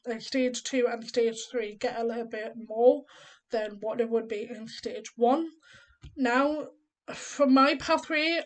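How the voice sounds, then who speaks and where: A deaf vlogger in her thirties chats casually to the camera, her slightly high, darkish voice sounding a bit different because of her deafness. She rambles through explanations one step at a time, dropping plenty of ums, and the audio quality is poor.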